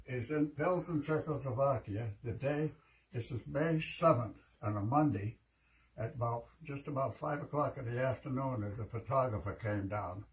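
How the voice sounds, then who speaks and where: An elderly American man, an old veteran remembering his service in a plain, halting way. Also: mid-range voice, low-quality recording. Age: 80s or older. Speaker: World War II veteran. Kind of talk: personal reminiscence.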